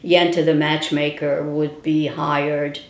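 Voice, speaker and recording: An older woman with a deep, level voice is interviewed for an oral history, recalling her childhood slowly as a storyteller with wry asides. The recording has a roomy indoor echo.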